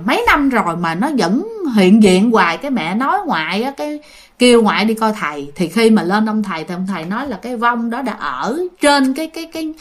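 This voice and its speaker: A woman casually telling a ghost story, chatting to her listeners and often repeating her words. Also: fairly high pitch.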